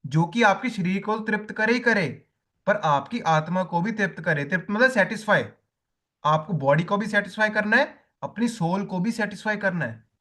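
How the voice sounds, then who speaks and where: A man's voice: sits high, normal speed, fairly bright tone. A man teaching a diet lesson to coaches, repeating key points and telling listeners to write them down.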